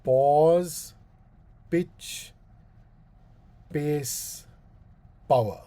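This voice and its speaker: A deep, mellow-toned man with a booming voice and an Indian English accent talks slowly as a guest speaker at a public speaking workshop. He is deliberate, takes long pauses, and repeats his demonstrations.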